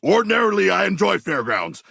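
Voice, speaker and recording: An actor playing a hulking, proud and bloodthirsty shark warrior for a video game, speaking in polite, pompous, stilted formal sentences with a gravelly voice. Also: male voice, sits high, very animated, brisk, pushed and bright, dry recording, studio quality, exaggerated voice. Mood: polite, deadpan. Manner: formal, stilted, grandiloquent diction.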